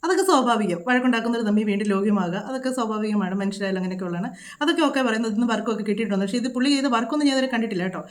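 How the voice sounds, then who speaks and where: A woman's voice: on the high side, lively intonation, racing. A woman vlogger, giving indignant, scolding commentary full of rhetorical questions. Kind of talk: opinionated reaction commentary.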